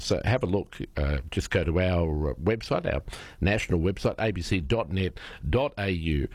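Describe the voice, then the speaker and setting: Deep-voiced Australian man presenting radio. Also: no echo. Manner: hesitant, many "uh" fillers. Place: radio studio.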